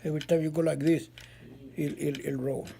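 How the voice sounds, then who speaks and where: A man's voice: a little high, little pitch movement, brisk, vocal fry, dark tone, slight background noise. An older man casually explaining how something works, in repetitive, folksy phrasing. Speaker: grandfather showing his old cameras.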